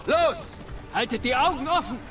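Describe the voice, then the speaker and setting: An actor playing a watchful, vengeful fantasy foot soldier, exclaiming commands and curses in a video game. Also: male voice, very high voice, lively intonation, moderate pace. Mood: fierce, watchful. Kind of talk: video game unit battle barks. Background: loud game music.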